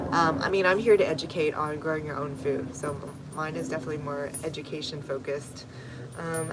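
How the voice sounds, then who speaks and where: A woman's voice: low voice, noisy background. A woman from Texas hosting a casual garden livestream outdoors, chatting and answering viewer comments one by one with fillers. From Texas, United States.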